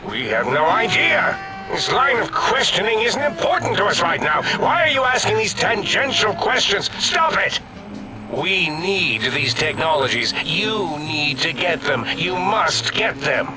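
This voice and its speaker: Casting: imperious robotic brain scientist for a game, grandiose and bossy delivery, highish register, over prominent music. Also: male voice, sing-song, slow pace, low-quality recording. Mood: urgent, imperious. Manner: pompous, declamatory, imperious. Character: pompous, domineering male robot-bodied brain scientist. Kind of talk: theatrical video game voice acting. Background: loud music.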